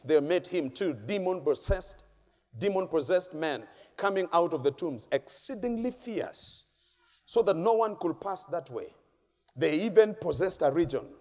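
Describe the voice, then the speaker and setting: A man preaching a sermon in a church hall, emphatic and repetitive, with sudden loud peaks. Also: fairly high pitch. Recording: long echoing church-hall reverb.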